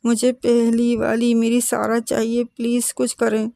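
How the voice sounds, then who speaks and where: A woman's voice: a little high, monotone, vocal fry, warm tone, no room sound. A woman voicing a distraught mother in a horror story, pleading anxiously.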